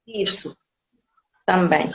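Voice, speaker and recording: A woman's voice: on the low side, very slow, very noisy. A woman in her forties from Minas Gerais, a guest chatting candidly in an interview, often restarting her sentences. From Minas Gerais, Brazil. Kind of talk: casual interview chat.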